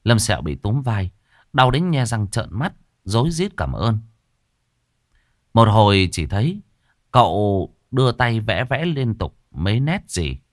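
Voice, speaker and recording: A man narrating a ghost story in a lively, expressive way. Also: fairly low pitch, measured pace, no room sound, clean studio sound.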